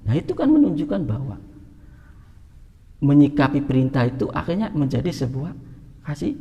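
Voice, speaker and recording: Male preacher, gravelly and mellow, asks and answers his own questions, hall reverb. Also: big pitch swings, moderate pace, highs cut off. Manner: asks questions and answers them himself, pitch jumps for emphasis. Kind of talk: religious teaching.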